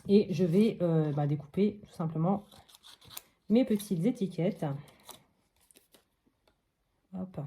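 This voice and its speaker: Crafting vlogger, woman from France: slow, low-pitched, narrates each step casually with fillers. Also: warm tone, slightly rough.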